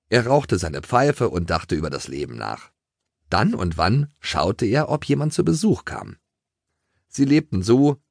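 Deep husky man reading a children's story. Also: dry recording, clean studio sound. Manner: very expressive storytelling. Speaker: audiobook narrator.

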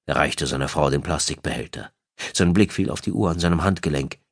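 A man narrating an audiobook with an expressive, dramatic reading. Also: a bass voice, a little fast, vocal fry, no room sound, studio quality. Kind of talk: scripted narration.

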